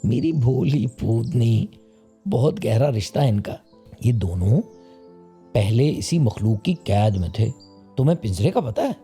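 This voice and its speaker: Man doing a calm little male bird, lively explaining tone, dark gravelly voice. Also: mid-range voice, faint music behind, natural voice. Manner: patient, explaining. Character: small male bird, patient peacemaker.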